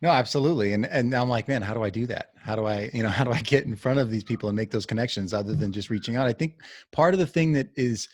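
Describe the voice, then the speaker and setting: Husky man asking long questions. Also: medium pitch, fast talker, no room sound. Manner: conversational, asks long, searching questions. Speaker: podcast host. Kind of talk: casual interview talk.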